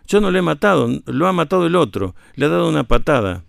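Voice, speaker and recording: A man reading a tale aloud, voicing two frightened male hunters who blame each other in high agitated voices. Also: very animated, normal speed, gravelly, dry recording, studio quality. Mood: panicked. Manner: agitated, raised voice.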